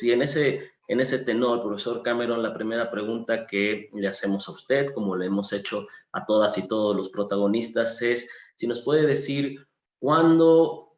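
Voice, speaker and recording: A man hosts a formal interview in a polite, measured manner with the odd filler. His voice sits fairly low. The recording has a noticeable room echo. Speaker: interview host.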